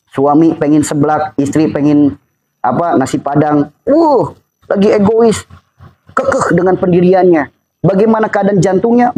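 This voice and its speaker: A man's voice: fairly high pitch, darkish tone, rough recording. A man with a Sundanese accent giving a faith-based health talk to an audience, firing repeated rhetorical questions and drilling his points home. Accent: Sundanese-accented Indonesian. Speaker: religious health speaker.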